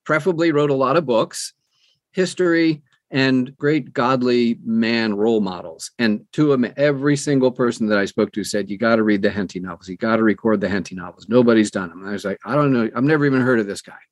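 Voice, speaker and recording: Chatting casually as an interview guest, a middle-aged or older audiobook narrator tells stories fairly quickly in a mid-range voice, voicing bits of dialogue along the way. There's no echo.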